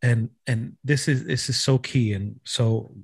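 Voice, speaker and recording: A man's voice: mid-range voice, steady tone, unhurried, vocal fry, breathy edge, dry recording. A man hosting a faith podcast, earnestly explaining scripture and asking his guest questions. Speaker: podcast host. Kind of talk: interview with scripture teaching.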